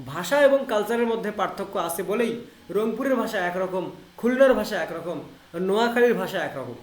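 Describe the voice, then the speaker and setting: High-voiced Bangladeshi male lecturer. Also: expressive, reverberant. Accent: Bangladeshi Bengali, Rangpur. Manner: explains English terms in Bengali, repeats key phrases; reads English text slowly and deliberately. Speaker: English literature teacher. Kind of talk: online lecture.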